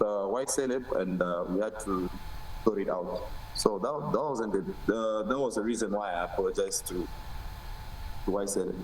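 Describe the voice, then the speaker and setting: A man's voice: lowish voice, a little mellow, roomy sound, far from the mic, a little hiss or hum, poor audio. A Zambian man answering as an interview guest in casual chat, hesitant with many fillers, mixing in local words. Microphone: video call.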